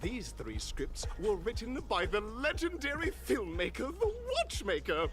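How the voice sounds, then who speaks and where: A man's voice: sits high, huge pitch swings, measured pace, full character voice. A man voicing a grandiose, gleeful game-show host who sounds like a villain, delivering a showy announcer monologue in a video game. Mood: showy, sly. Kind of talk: game character voice acting.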